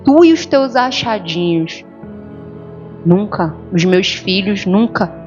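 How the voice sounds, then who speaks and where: A woman's voice: medium pitch, lively intonation, slow pace, a little mellow, muffled recording, faint music behind. A woman pastor preaching a sermon, telling her story with emotion and acting out the dialogue. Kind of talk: sermon testimony. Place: church service.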